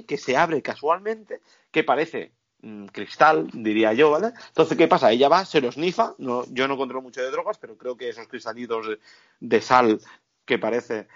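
A man retells a film plot in animated, foul-mouthed casual chat, checking in with the listener every few lines. His voice sits in an ordinary middle range. The recording is slightly dull and lo-fi. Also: mid-range voice. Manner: animated, profane, tags lines with "¿vale?".

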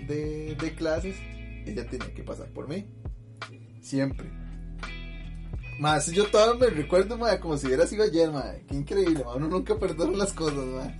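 A man with a Costa Rican accent telling a story in casual chat, lively and full of slang fillers, often laughing. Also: on the high side. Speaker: podcast host telling a story.

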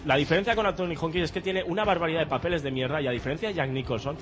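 Man, comedy radio debate, insistent, talks over people, rapid speech. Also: fairly high pitch, crowd noise. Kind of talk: comic on-air debate.

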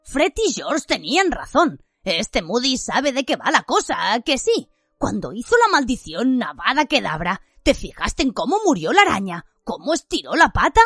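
A woman's voice: on the high side, sing-song, drawn-out words, bright, forceful tone, dry recording, clean studio sound, faint music behind, full character voice. A woman voicing an eager, gossipy teenage wizard boy. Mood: excited gossip. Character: chatty teenage wizard boy, impressed and careless.

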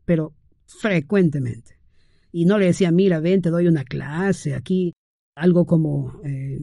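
A man's voice: fairly high pitch, vocal fry, dark tone, dry recording, clean studio sound. A middle-aged man hosting a podcast, talking in a casual, conversational monologue with frequent fillers and tag questions. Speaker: podcast host.

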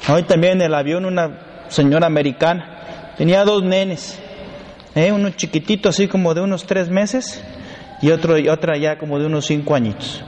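A priest preaches a sermon in a slightly high, darkish voice with a steady tone at normal speed. He uses emphatic repeated lists and humorous storytelling asides. The recording has long hall reverb and faint background noise.

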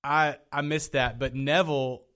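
A man co-hosting a podcast, talking in a casual, animated way with lots of restarts and trailing thoughts. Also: a little high, moderate pace. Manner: animated, rambling, frequent restarts. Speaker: podcast co-host. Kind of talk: casual chat.

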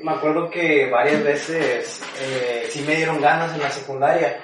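A man with a Mexican accent telling a lively anecdote in casual chat, often laughing. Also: fairly high pitch, normal speed, recorded from a distance. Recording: very echoey room, away from mic, faint noise.

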